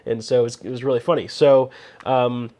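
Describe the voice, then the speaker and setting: A man's voice: mid-range voice, flat delivery, fairly quick, warm tone. A man who is a photographer and the show's host, telling a story in a casual, rambling way and giving photography tips, with many "you know" fillers.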